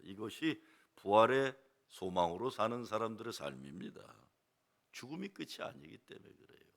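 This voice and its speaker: Older pastor with a gravelly, lively voice. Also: male voice, medium pitch. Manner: prods the congregation with rhetorical questions; lively preaching cadence. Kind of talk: Sunday sermon.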